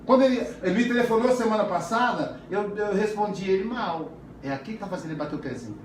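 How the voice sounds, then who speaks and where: A man teaches a psychoanalysis class in a casual, conversational way, drawing out words for emphasis. His voice sits high. He is heard from a distance in a roomy classroom with faint noise behind. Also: quick pace. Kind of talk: classroom lecture.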